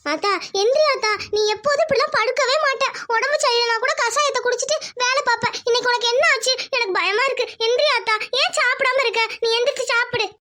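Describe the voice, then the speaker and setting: A woman voicing an anxious little village girl in a cartoon, high and pleading as she calls out. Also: quick pace, few pauses, pushed and bright. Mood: worried. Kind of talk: cartoon voice acting.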